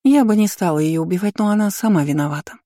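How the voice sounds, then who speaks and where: A woman voicing a scheming, seductive stepmother in an audiobook story, lifting her voice higher and coy. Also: quick pace, warm tone, no echo, clean studio sound, lightly acted.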